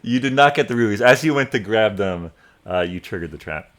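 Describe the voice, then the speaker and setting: A man narrating as dungeon master in a relaxed way, pausing on fillers. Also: on the low side. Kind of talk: narrating a tabletop game.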